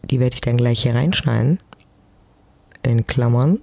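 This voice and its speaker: A woman with a rumbling low, creaky, mellow voice talks a little slowly on her solo podcast from home. She's chatty, informal and self-deprecating, close to a personal mic, with a little hiss or hum in the audio.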